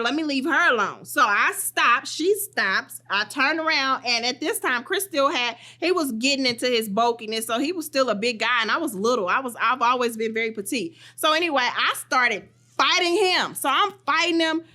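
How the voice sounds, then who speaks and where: A young woman co-hosting a podcast, telling a personal story in an animated, emphatic way. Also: high voice, moderate pace, few pauses. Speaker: podcast co-host. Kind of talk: storytelling in casual chat.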